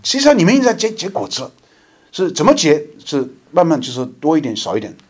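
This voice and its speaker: A man preaching a conversational sermon to his congregation, slowing down to read scripture aloud. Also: on the high side, huge pitch swings. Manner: conversational, reads scripture slowly and deliberately. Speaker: lay preacher.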